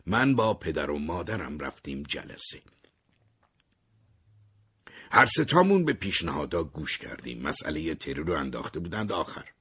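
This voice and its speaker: A young man narrating a scripted story in a measured way, sometimes sinking to an unvoiced whisper. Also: rumbling low, big pitch swings, a bit bright, slightly rough. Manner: measured, dropping to unvoiced whispers in tense moments.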